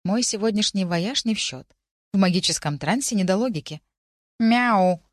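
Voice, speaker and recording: A woman giving a steady, expressive first-person narration of a fantasy audiobook. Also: mid-range voice, fairly quick, no echo, studio quality.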